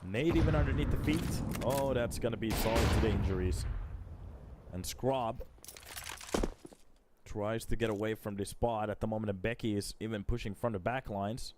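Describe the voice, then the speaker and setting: With a lowish voice at a moderate pace, a Finnish man casts esports live in a relaxed, chatty way, turning to talk with chat between plays. Heavy background noise runs under his voice.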